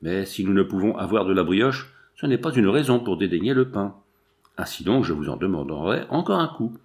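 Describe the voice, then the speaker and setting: A man's voice: deep voice, very animated, brisk, a little mellow. A man voicing a boisterous, thirsty Irish hunter who blusters and swears oaths in a read-aloud adventure story. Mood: boastful.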